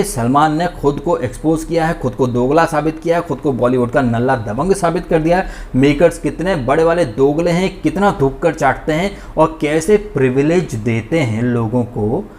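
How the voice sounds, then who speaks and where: A man's voice: on the high side, moderate pace, few pauses, a little mellow. A man giving an indignant, ranting commentary monologue as a vlogger reviewing a show. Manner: indignant, ranting, mocking impressions.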